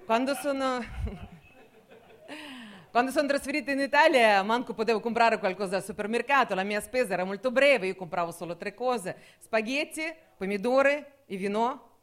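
A young woman from Russia with a Russian accent, performing a deadpan, ironic stand-up comedy set in Italian with slight grammar slips. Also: on the high side, normal speed.

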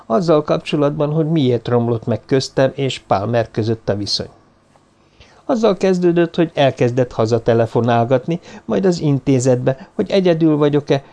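A man voicing a weary woman who speaks with cool, measured bitterness in an audiobook. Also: medium pitch, creaky, warm tone.

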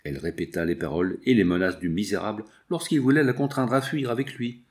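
Man, audiobook narration, fairly low voice, expressive, steady. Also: fast. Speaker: audiobook reader. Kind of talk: scripted narration.

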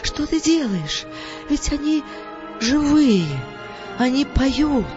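A woman narrator raising her voice for a gentle young boy in a storybook reading, high and earnest, calling out urgently. The recording is a little dull and narrow, with faint music under it. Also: sing-song, normal speed. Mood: alarmed. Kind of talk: audiobook character voice.

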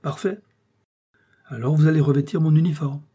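A man voicing a shrewd, confident male police detective in disguise, with a brisk, commanding delivery. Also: fairly high pitch, fairly even intonation, warm tone, breathy edge. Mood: brisk, assured.

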